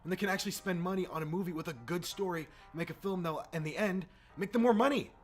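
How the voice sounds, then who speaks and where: Talking fast in a high-pitched voice, a man hosting gaming videos launches into a casual, sweary, exasperated rant about his opinions. Background music accompanies him.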